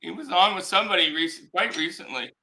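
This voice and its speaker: A man's voice: sits high, brisk, creaky, pushed and bright. A man joining a livestream as a guest, talking hesitantly with many fillers. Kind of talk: casual livestream chat.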